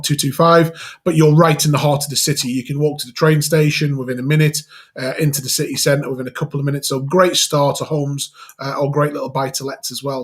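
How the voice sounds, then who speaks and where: A man's voice: medium pitch, slightly rough. A man from North East England with a Geordie accent, talking casually as a property developer on a show. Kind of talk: casual chat.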